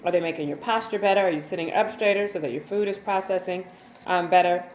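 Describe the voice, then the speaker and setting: A woman hosting a casual livestream, chatting with viewers, greeting them by name and reading their comments in a relaxed, informal way. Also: lowish voice, quick pace, reverberant, soft background music, rough recording. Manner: relaxed and informal, frequent ums and slang. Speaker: waist bead maker and seller, livestream host.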